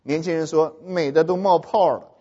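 Man, humorous audience talk, checks that listeners follow, husky voice, long hall echo, dull lo-fi sound. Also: fairly high pitch, moderate pace. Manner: animated, keeps checking if listeners understand. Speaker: speaker addressing an audience.

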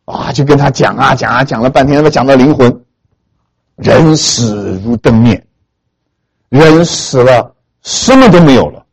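A man from Hunan, China, preaching a sermon as he tells a story with animated emphasis, often turning to ask his listeners questions. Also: medium pitch, moderate pace, creaky, slightly rough. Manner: animated, emphatic, keeps asking the audience questions.

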